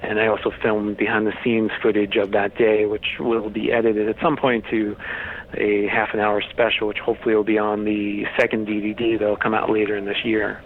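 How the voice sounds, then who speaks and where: A man's voice: lowish voice, monotone, brisk. A man speaking casually as an interview guest, explaining things in a matter-of-fact way. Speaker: interview guest, horror host website runner. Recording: tinny phone-like line with faint noise.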